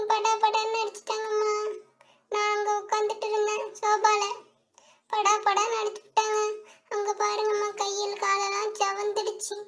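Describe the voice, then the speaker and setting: A tearful, whiny little sister doll in a homemade toy story, voiced by a female performer. Her voice sits very high, bright and sharp, breaking into crying complaints.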